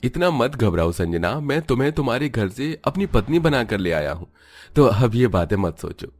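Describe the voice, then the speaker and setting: A man's voice: medium pitch, very animated, normal speed, darkish tone. A man voicing a protective young husband in a cartoon story, reassuring and firm.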